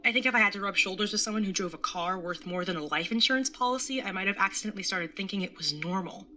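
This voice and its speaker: In a first-person audio drama, a woman plays a wry, jaded young artist bartender who narrates and acts as an older sibling, sardonic and casually sweary. Her medium-pitched voice is fast, sharp in tone, and close to an everyday voice.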